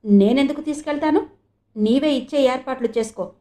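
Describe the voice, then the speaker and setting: A woman's voice: a little high, moderate pace, warm tone, lightly acted. A woman voicing a bitter, sarcastic young husband in an audio novel. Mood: cold. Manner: mocking, cold.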